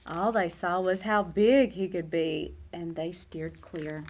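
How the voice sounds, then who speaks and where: A woman narrating a children's picture book aloud in an expressive, dramatic way, with emphatic pauses and hushed phrase endings. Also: on the low side, a little hiss or hum. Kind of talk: expressive storybook read-aloud.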